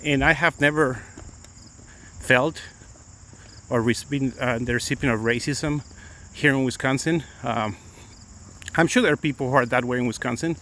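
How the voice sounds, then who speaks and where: Out on a morning walk, a Mexican-born, middle-aged attorney vlogger whose first language is Spanish does a casual live-stream chat in a Mexican accent. He talks at normal speed with long pauses, his mid-range voice bright and forceful, rambling and restarting often, with slight background noise.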